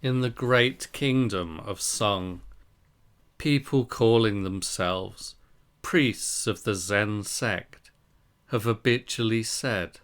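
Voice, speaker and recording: A man with a smooth, resonant, fairly low voice reads a Buddhist scripture aloud. He takes it very slowly, in short deliberate phrases, as a scripted reading. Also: a bit bright. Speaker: reader of a Zen Buddhist text.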